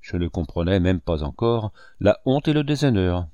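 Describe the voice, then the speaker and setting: Man doing a bitter young clerk out for revenge, slow cutting words, dry close mic. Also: sits low, animated, dark tone, dry recording, muffled recording. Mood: cold. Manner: measured, cutting. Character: cold vengeful young male cashier, bitter and calm. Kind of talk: audiobook character reading.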